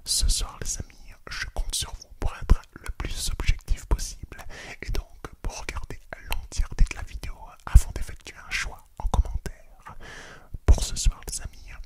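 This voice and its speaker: A man hosting an ASMR channel, whispering throughout in an unhurried way, repeating phrases and often calling his listeners friends. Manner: unhurried, repeats phrases, some small restarts.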